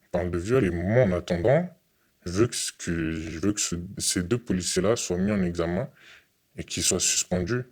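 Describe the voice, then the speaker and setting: A young man from France giving an earnest, halting interview testimony, often repeating his words. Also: sits low, darkish tone, husky.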